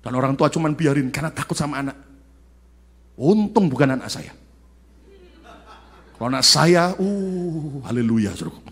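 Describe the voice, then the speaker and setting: A man preaching a sermon as pastor, telling family stories animatedly and rising to emphatic shouts on key points. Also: fairly high pitch, normal speed, pauses often, husky. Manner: animated storytelling, acting out family scenes.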